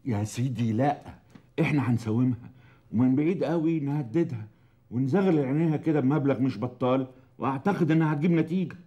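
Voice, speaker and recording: An actor playing a pragmatic, measured lawyer advising a client, in a TV drama. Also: male voice, mid-range voice, warm tone, muffled recording, natural voice. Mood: calm. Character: shrewd calm lawyer. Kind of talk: TV drama acting.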